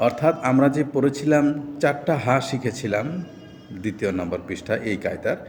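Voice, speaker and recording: A man with a Bangladeshi Bengali accent teaching Quran reading, spelling out letters and vowel marks slowly before blending them into words. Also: medium pitch, lively intonation, darkish tone. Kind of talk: step-by-step recitation lesson. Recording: roomy long reverb, faint background hum.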